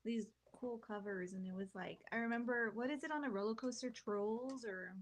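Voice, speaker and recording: A woman podcast co-host with a Texan accent, chatting in a lively way and reminiscing. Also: a little high, moderate pace. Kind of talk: casual chat.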